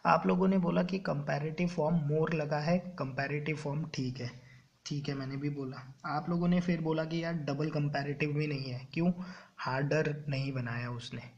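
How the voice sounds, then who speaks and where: A man coaching exam students on English grammar in Hindi mixed with English terms, often checking "clear?" as he goes. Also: a little high, fairly even intonation, moderate pace, highs cut off. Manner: keeps checking understanding with "clear?" and "ok". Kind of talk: classroom-style exam coaching lecture.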